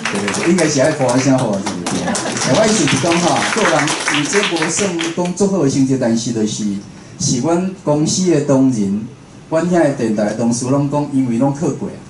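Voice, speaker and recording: A Taiwanese-accented radio host and station director talks informally, putting rhetorical questions to his listeners in a conversational way. His medium-pitched voice is lively and a little fast, with loud music behind it, in an echoey room with faint background noise.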